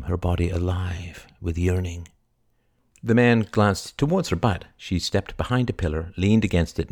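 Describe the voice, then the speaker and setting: A man narrating a historical novel in a measured, lyrical storytelling manner. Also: low-pitched, a little mellow, no echo, clean studio sound. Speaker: audiobook narrator. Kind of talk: scripted narration.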